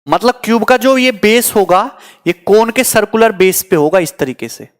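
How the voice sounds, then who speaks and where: A man's voice: high voice, lively intonation, moderate pace. A man teaching maths in a live coaching class, joking with students and mixing English terms into his explanations. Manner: teasing, chatty, answers student comments. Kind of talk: online exam coaching lecture.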